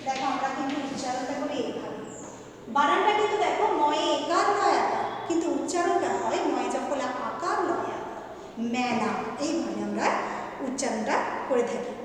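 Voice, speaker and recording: Woman teacher, high voice, patient and repetitive, rhetorical questions, recorded far off in a very echoey hall. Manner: patient, repeats rules slowly and asks rhetorical questions. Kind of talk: classroom grammar lesson. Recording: echoey hall, far from the mic, faint noise.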